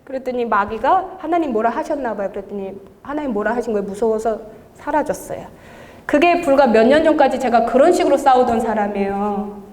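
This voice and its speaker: A woman who leads intercessory prayer tells an animated testimony at a church service, often laughing as she talks. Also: a little high, brisk. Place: church sanctuary. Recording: long reverb of a large church hall.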